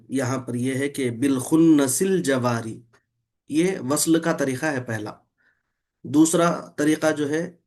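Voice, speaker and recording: Male Quran teacher, online class, patient and methodical, asks and repeats questions. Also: mid-range voice. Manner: patient, explains rules step by step and quizzes the student. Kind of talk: online Quran recitation lesson.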